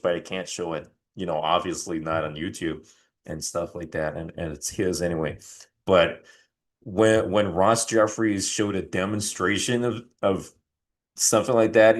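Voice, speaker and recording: A middle-aged man hosting a channel, rambling through casual commentary with lots of swearing and restarts. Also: low-pitched. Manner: rambling, profane, frequent restarts. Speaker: channel host.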